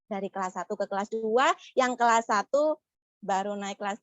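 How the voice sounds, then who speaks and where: A young woman telling stories to young schoolchildren, slow, animated and coaxing. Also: medium pitch, no room sound. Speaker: children's storyteller. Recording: slightly muffled, dry sound.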